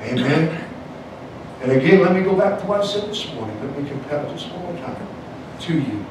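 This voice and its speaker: Recorded from far off in an echoey church sanctuary with faint noise, a male pastor preaches an evangelical sermon at moderate pace with lively intonation. Soft, low stretches give way to shouted, high climaxes, and he peppers his lines with "amen" and calls to the church.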